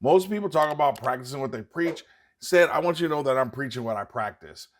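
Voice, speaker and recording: A man's voice: medium pitch, lively intonation, a little fast. A man hosting an investing channel, talking straight to his viewers in an emphatic, urging way and repeating points for stress. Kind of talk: scripted direct-to-camera commentary.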